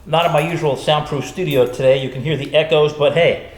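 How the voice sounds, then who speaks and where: A man's voice: on the high side, fairly even intonation, brisk. Older American man in an echoey room. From United States. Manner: chatty, wry, grumbling asides. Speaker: host. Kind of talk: casual product unboxing. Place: large echoey room, not his usual studio. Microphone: studio mics set up nearby. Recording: echoey room with faint noise.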